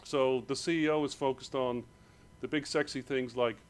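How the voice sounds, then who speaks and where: Hurried Irish man giving a talk. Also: mid-range voice, steady tone, clear, resonant tone. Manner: rushed, hurried delivery. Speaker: conference speaker. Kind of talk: conference presentation.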